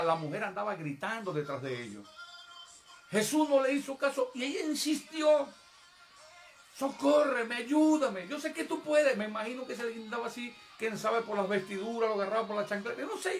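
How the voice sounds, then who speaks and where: A man's voice: high voice, a bit bright. A man preaching an evangelical sermon in a church service. He speaks emphatically to the congregation and acts out prayers and pleas in a raised voice. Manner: emphatic, addresses the congregation directly.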